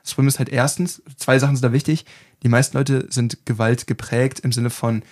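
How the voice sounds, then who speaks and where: Fast-talking man explaining things on a podcast. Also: mid-range voice, flat delivery, darkish tone. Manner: explaining, quick, with many tag questions. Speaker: podcast co-host and self-defence trainer. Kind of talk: casual podcast chat.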